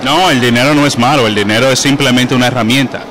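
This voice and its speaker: A man, a guest calmly explaining his ideas in an interview. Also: mid-range voice, fast, noisy background. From Puerto Rico.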